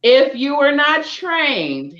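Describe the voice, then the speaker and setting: A woman's voice: high-pitched, big pitch swings, takes it slowly, a bit bright, highs cut off. A woman co-hosting a live video podcast, giving her opinions in a casual, emphatic way. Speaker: podcast co-host. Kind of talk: casual chat. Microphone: video call.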